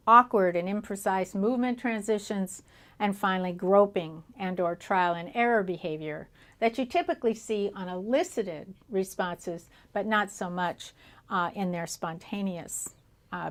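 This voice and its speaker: A woman's voice: medium pitch, measured pace, fairly bright tone. Woman presenting an educational lecture. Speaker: lecturer on childhood speech disorders.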